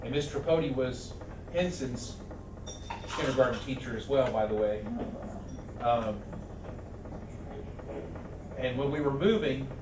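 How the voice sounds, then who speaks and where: Guy giving a eulogy, slow and halting, lots of ums, far off in a roomy hall. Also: mid-range voice. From Arizona. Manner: halting, many restarts and fillers. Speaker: eulogy speaker. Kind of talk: memorial speech. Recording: echoey hall from far off, noisy.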